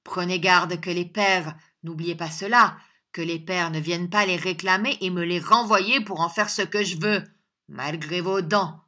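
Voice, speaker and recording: A woman voicing a scheming older male schoolmaster who shouts, sneers and threatens in a storybook reading. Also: lowish voice, fairly even intonation, unhurried. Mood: menacing.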